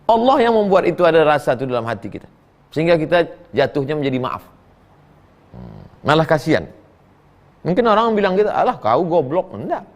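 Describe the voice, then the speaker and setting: A middle-aged male preacher fields audience questions in a humorous question-and-answer sermon, joking and telling stories in a folksy, animated way. His voice is a little high and a little fast, broken up by long pauses.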